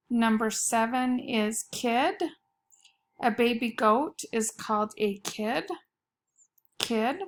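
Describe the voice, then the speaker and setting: An elementary school teacher dictates a spelling test in a slightly high, somewhat bright voice. She carefully sets each word apart and repeats them.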